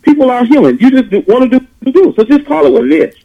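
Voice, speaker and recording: Male gospel musician, 40s, from Detroit; quick, animated, sermon-like riffing; muffled lo-fi audio. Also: extremely high pitch, creaky. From Detroit, USA. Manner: animated, preachy riffing with rhetorical questions. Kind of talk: casual interview talk.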